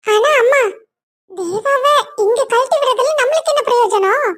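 A very high, piping young cartoon maid, played by a woman, timid and always asking hesitant questions. She sounds small and eager to please. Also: moderate pace. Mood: worried. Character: young female servant, timid and curious.

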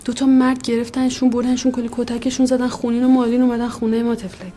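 A woman's voice: a little high, level tone, mellow, slight background noise, lightly acted. An actress playing an earnest woman who urges a man to meet the mother he has never seen, speaking in a reassuring, insistent way in a TV drama scene. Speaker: go-between for a mother and her long-lost son. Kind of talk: TV drama dialogue.

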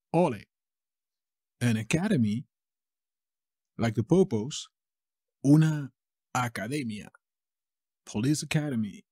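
A man with a Castilian Spanish accent teaching a playful bilingual language lesson, saying phrases slowly and joking between them. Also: mid-range voice, dark tone, no room sound, clean studio sound. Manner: playful, slow model phrases with jokes.

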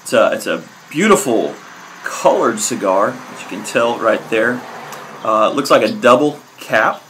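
Male vlog reviewer, thirties, average pitch, laid-back and halting delivery, speaking casually to a camera at arm's length. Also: expressive, a bit bright, slight background noise, poor audio. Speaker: cigar reviewer, host.

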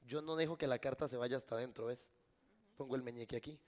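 At a live event in front of an audience, a Costa Rican man performs a magic trick on stage, joking with a volunteer and the crowd. His voice is medium-pitched and darkish, and he talks at a quick pace.

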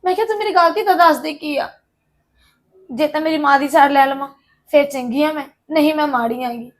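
A woman's voice: high-pitched, brisk, close to an everyday voice. An actress playing a worried young married woman who pours out her anxieties to her aunt in a Punjabi drama. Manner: anxious, pleading.

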